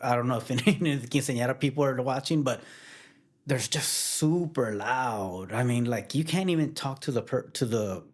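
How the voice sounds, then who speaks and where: A man who works as a wedding photographer, talking casually in an interview with a relaxed, plainspoken manner and frequent restarts. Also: medium pitch, normal speed.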